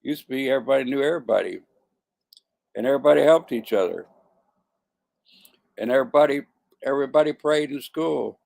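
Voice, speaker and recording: A man's voice: mid-range voice, expressive, fairly quick, creaky, pauses often, darkish tone. A man in his seventies talking to camera in a casual monologue, often stumbling, repeating words and correcting himself. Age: 70s. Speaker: vlogger.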